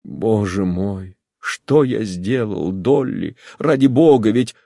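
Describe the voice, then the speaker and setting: A man voicing a guilty, tearful husband who pleads in a quiet, timid, trembling voice. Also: mid-range voice, animated, slow pace, no room sound, studio quality. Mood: pleading contrite.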